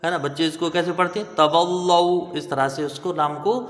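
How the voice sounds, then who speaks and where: A man teaching Quranic recitation, spelling out letters and then slowly chanting each word, often checking with "right?". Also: a little high, fairly bright tone, in a large hall. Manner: patient, drawn-out chanting of each word, frequent "theek hai?" checks.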